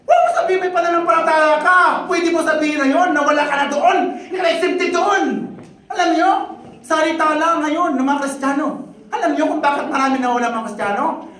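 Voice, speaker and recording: A man preaching a sermon in Filipino, rousing and joking with the congregation, often shouting. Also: extremely high pitch, fairly quick. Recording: echoey hall, voice from a distance.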